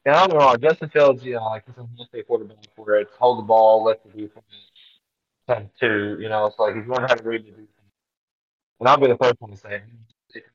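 A man's voice: medium pitch, steady tone, fast. Man on a call line that breaks up. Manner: swears freely and loosely. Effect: remote call audio breaking up. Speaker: podcast co-host. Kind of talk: casual sports chat. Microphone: remote call connection. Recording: dull, lo-fi call audio dropping out.

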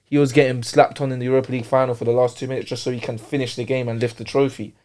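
A man's voice: medium pitch, little pitch movement, racing, a little mellow. A man with an urban London roadman accent in a casual football debate, repeating and restarting his points with street slang. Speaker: football show panellist.

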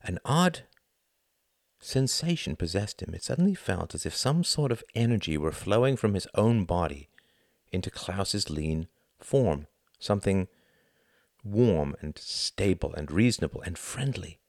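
Deep-voiced, expressive male narrator. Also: unhurried, no room sound, clean studio sound. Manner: expressive storytelling reading. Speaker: audiobook narrator. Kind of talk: scripted narration.

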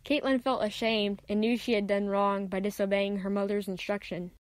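A woman narrating a children's Bible story in an even, clear read-aloud manner. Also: medium pitch, moderate pace, no room sound.

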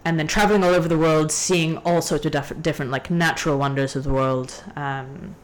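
A young woman from Hong Kong telling a story in a casual podcast chat, ranty and animated. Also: sits low, a little fast. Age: young adult. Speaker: guest.

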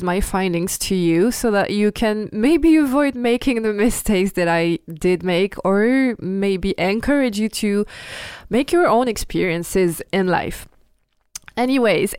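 A woman hosts her podcast in an unhurried, casual monologue. Her voice is smooth and clean, recorded dry and close with no room sound. She talks frankly and playfully, laughing easily and restarting her phrases. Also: medium pitch, darkish tone, dry recording. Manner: frank and playful, with frequent laughs and self-corrections. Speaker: podcast host.

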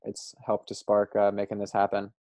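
A man hosting a podcast interview, talking in a relaxed, rambling way and laughing easily. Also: lowish voice, moderate pace, no room sound. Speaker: podcast host. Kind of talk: casual interview chat.

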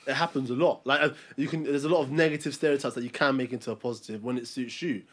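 A man with a London roadman accent in a casual group debate, animated and slangy, repeating himself for emphasis. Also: medium pitch, fast. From Albania.

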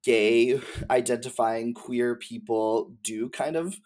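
A man guesting on a podcast chats about game lore in a loose, slangy way, hedging and wandering as he goes. His voice is mid-range and a little mellow, and he takes his time.

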